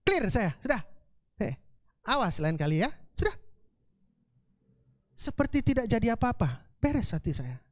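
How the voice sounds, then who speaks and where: A woman with a Palembang accent preaching a sermon in a colloquial, animated storytelling way. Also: a little high, a little slow, pauses often, no room sound. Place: church service.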